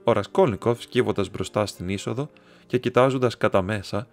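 A man narrating an audiobook in a steady, measured storytelling manner. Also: lowish voice. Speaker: audiobook reader. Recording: soft instrumental music underneath.

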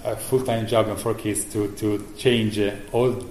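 A middle-aged man giving a conference keynote about software he maintains, speaking haltingly with many fillers and restarts. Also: on the low side, flat delivery. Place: conference hall. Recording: echoey room with faint noise.

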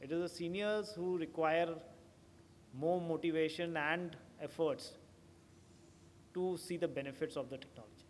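A middle-aged man speaks from a podium microphone in a large auditorium, explaining at an even pace with occasional fillers and restarts. His voice sits a little high and trails off into a long hall reverb over a faint room hum. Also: moderate pace, pauses often. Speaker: conference speaker. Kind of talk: answering audience questions at a conference.

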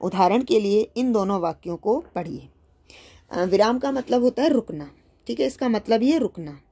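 A woman's voice: medium pitch, animated, moderate pace, warm tone, slightly rough. A woman teacher patiently explaining a school worksheet to young children, often repeating and rephrasing her points.

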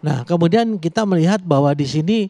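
A man, a legal expert guest, answering on a talk show in a measured way, pausing on fillers. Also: a little high, lively intonation, mellow, dry recording.

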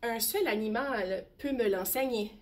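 A woman teacher reading a bedtime story aloud slowly and expressively. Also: on the high side. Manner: slow, gentle, expressive.

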